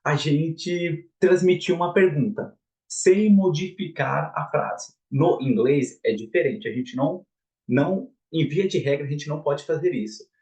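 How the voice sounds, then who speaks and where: A man with a Brazilian Portuguese accent teaching an English grammar lesson, reading example sentences slowly and deliberately. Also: a little high, a little mellow, far from the mic.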